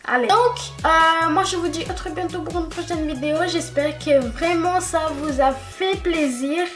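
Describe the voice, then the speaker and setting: Casting: woman YouTuber, fairly high voice, chatty and emphatic, talking straight to camera; faint music underneath. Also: moderate pace. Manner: repetitive, keeps stressing "vraiment"; talks straight to the viewer. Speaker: YouTube vlogger. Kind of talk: casual chat to subscribers. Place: bedroom at home, at night. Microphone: camera-mounted shotgun mic.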